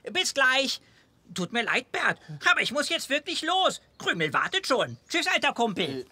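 Cheeky raspy puppet boy, bright and high. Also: very animated, moderate pace, no echo, full character voice. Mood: breezy, hurried. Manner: playful, breezy, mock-innocent. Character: cheeky, carefree puppet boy, teasing best pal. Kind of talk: children's puppet show dialogue.

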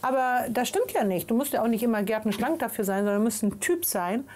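Woman, slightly high pitch, guest, passionate, persuasive. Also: animated, quick pace, a little mellow, slight background noise. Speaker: guest, author. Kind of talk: casual talk show conversation.

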